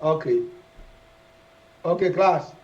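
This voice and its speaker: A man's voice: a little high, a little mellow. A man teaching a French verb lesson to a class, drilling conjugations and quizzing students. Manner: slow, repetitive drilling with questions to the class. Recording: dull lo-fi classroom recording.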